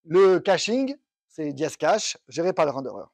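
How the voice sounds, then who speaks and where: A man's voice: on the high side, very animated, normal speed, darkish tone, no echo. A man giving a technical conference talk, explaining step by step and thinking aloud with restarts. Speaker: conference speaker. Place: conference room.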